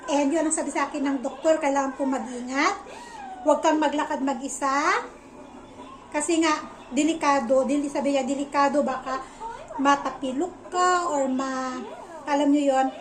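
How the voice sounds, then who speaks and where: A woman's voice: high-pitched, steady tone, moderate pace, slight background noise, poor audio. A young woman with a Filipino accent chatting casually in a vlog, searching for words with many fillers. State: slightly out of breath. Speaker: vlogger.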